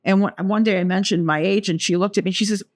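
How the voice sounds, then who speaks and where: A woman in her seventies co-hosts a podcast, chatting casually and telling stories with playful asides. Her mid-range voice moves fast with fairly even intonation.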